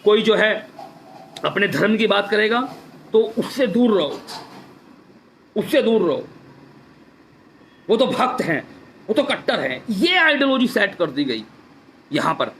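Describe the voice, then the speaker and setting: A man's voice: sits high, very animated, a little slow, pauses often, fairly bright tone, slight background noise. A man giving an impassioned address to viewers on a live stream, repeating his key phrases for emphasis. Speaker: political speaker on a social media live stream.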